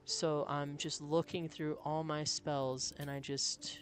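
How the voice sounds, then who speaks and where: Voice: mid-range voice, level tone, slow, soft background music. A game streamer chatting casually and reading out viewer comments in an easygoing way.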